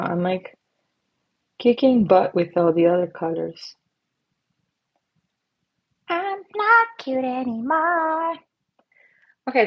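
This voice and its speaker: A woman's voice: medium pitch, breathy edge, dull audio. A woman hosting a live painting stream, chatting with viewers in a bubbly, giggly way as she paints. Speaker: livestream host and face painter. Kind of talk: casual live-stream chat while painting.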